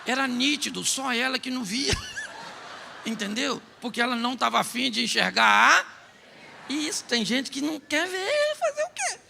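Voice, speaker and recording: A Brazilian Portuguese-accented pastor with a very high, gravelly, sharp voice, teasing and joking with his congregation. His sermon echoes through a big church hall with a long reverb. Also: very animated, moderate pace, a little hiss or hum. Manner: humorous, teasing, talks straight to the congregation.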